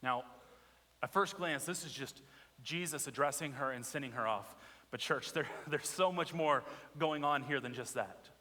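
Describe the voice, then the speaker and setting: A male pastor delivers a lively sermon with a bright, high voice that swoops up and down. He tells stories and keeps asking his listeners questions. His voice rings out with a long echo through the church hall. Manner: animated storytelling with rhetorical questions. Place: church sanctuary.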